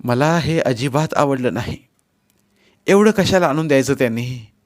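A man's voice: medium pitch, a little slow, lightly acted. A male narrator voicing a proud husband who bristles with anger and snaps back sharply. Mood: angry. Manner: angry, sharp outbursts. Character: proud husband, hot-tempered and offended.

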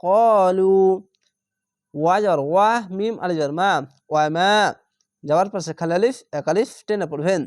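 A man's voice: high-pitched, fairly quick, darkish tone, no echo, studio quality. A man teaching Quran reading, patiently spelling out Arabic letters and syllables one by one and drawing out the long vowels for learners. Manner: patient and methodical, repeats syllables and draws out vowels.

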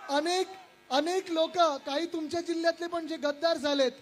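High-voiced young man shouting a rally speech. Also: fairly even intonation, normal speed. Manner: loud, shouting over the crowd; addresses the crowd and stage directly. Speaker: politician addressing a rally.

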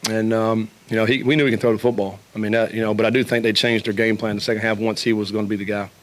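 Quick, level-toned answers from a middle-aged man speaking into a table microphone at a press conference. He talks in a steady, even pitch and keeps circling back with fillers and restarts as he breaks down a game. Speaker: head football coach. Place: press conference room with a logo backdrop.

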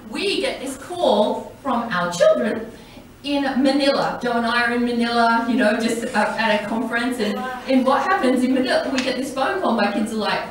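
Animated woman preaching in an echoey hall. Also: a little high, moderate pace. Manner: animated storytelling, acts out voices in quotes, laughs often. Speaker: church leader, women's day speaker. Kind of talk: personal testimony sermon. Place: large church hall. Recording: echoey hall, mic from far off, faint noise.

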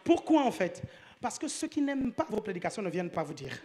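A man's voice: high voice, big pitch swings, fast, darkish tone. A man preaching a sermon in church, joking a lot and often asking the congregation whether they follow him. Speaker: pastor.

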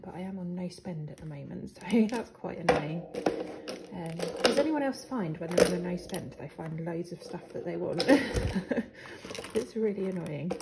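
A young British woman, a planner vlogger, shows off her planner supplies in a casual show-and-tell, her fairly low voice croaky as she clears her throat. She sounds hesitant, with lots of ums and soft laughs. It's recorded in an echoey living room with a hard floor and faint background noise.

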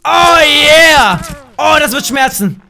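A young man from Germany doing loud, excitable let's play commentary, often shouting and throwing in English slang. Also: extremely high pitch, slow pace, creaky, slight background noise. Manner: mixes English slang into his talk. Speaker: gaming YouTuber.

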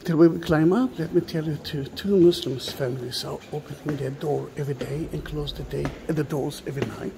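A middle-aged man giving an unhurried walking tour of a large stone church, musing aloud and often dropping to a hushed whisper. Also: fairly high pitch, steady tone, creaky, slight background noise. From Israel. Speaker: tour guide. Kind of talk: walking video tour narration.

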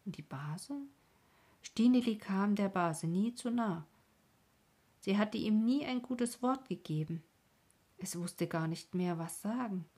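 A woman hosting a sleep podcast, reading a bedtime story in a soft, calm, breathy half-whisper. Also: medium pitch. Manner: soft, calm, slow reading to lull listeners.

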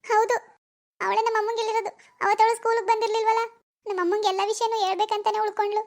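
Cartoon teen schoolgirl, voiced by a woman: very high, fast, anxious hushed asides. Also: level tone. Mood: tearful complaint. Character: worried teenage village schoolgirl in love. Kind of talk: cartoon voice acting.

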